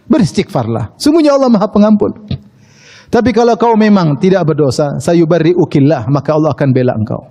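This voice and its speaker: A man preaching a sermon, telling a story in a lively way and acting out the quoted speech. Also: a little high, long reverb tail. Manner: animated storytelling, acts out quoted speech, chuckles at his own asides. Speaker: Islamic preacher.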